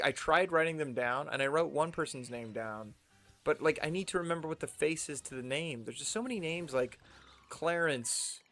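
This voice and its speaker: A young man from the United States with a General American accent casually rambles to himself while playing a video game, speaking in a medium-pitched, fairly bright voice as a streamer.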